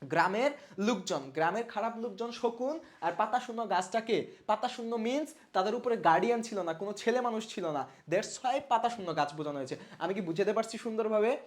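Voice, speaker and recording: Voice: medium pitch, fairly quick. A teacher giving a live online revision class, quizzing viewers, reading their names from comments and drilling answers by repeating words, with English words mixed in. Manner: mixes English words into speech; clears throat now and then. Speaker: online exam-prep teacher.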